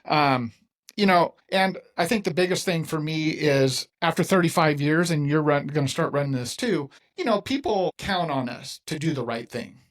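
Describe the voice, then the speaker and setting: A podcast host in his fifties runs a casual interview with a voice on the high side at a moderate pace. He talks in an emphatic, folksy way and acts out other people's lines.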